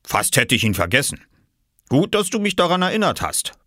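A man voicing a kindly older farmer who talks calmly and in a fatherly way. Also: medium pitch, a little fast, no echo, clean studio sound, pitched above the performer's own voice.

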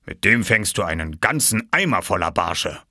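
A man voicing a kindly older farmer who talks calmly and in a fatherly way. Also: low-pitched, normal speed, dry recording, clean studio sound, full character voice.

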